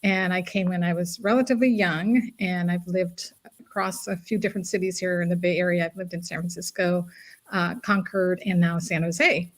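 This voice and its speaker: A woman's voice: lowish voice, fairly even intonation, normal speed. A middle-aged woman from Guyana, a guest advocate speaking earnestly and reflectively in conversation. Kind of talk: casual conversation.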